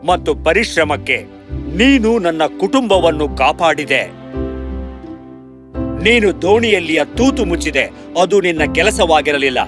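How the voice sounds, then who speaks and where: A man's voice: a little high, lively intonation, unhurried, long pauses, music in the background. A man voicing a kindly, rich middle-aged male merchant in a cartoon story, speaking earnestly. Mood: grateful.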